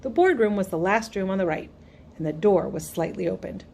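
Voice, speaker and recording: A woman narrating a first-person audiobook in an even, storytelling delivery. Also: mid-range voice, fairly quick, vocal fry, a little hiss or hum.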